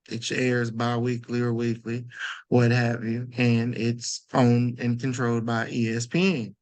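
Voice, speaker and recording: Animated man on a sports podcast. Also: mid-range voice, no room sound. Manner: animated, swearing, loose slangy delivery. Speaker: podcast co-host. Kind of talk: casual sports talk.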